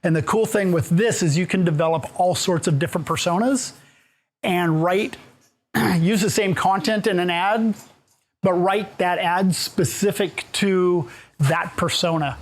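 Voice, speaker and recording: A man with a fairly high voice leads a live workshop in a meeting room. He talks casually with plenty of fillers and restarts, often putting questions to the audience as he walks about the room. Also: measured pace. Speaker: workshop presenter. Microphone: room mic, moves around while talking.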